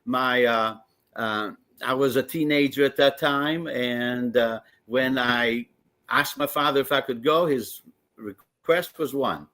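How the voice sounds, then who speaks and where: With a mid-range voice that is bright and forceful, an older Greek wrestling commissioner speaks at a slow pace. He's an eager guest on a sports talk show in a casual radio interview, often restarting as he tells his stories.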